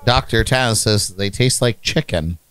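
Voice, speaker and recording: A man's voice: lowish voice, a little slow, a bit bright, clean tone, soft background music. A man hosting a casual game night, joking around and reading comments from his viewers. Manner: joking, reads viewer chat aloud. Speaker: game host. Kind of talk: casual chat, running a game.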